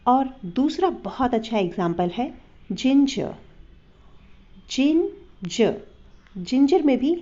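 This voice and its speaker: A woman's voice: on the high side, dark tone. A woman teaching a phonics lesson, carefully spelling words letter by letter and sounding them out. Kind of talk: slow explanatory phonics lesson. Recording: dull lo-fi recording.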